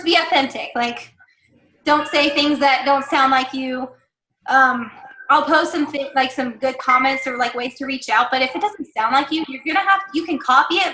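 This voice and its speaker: A woman's voice: high-pitched, pushed and bright, slight background noise. Woman team leader, casual coaching talk, chatty and upbeat, roomy echo. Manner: chatty, encouraging, many fillers and asides. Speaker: team leader giving sales training.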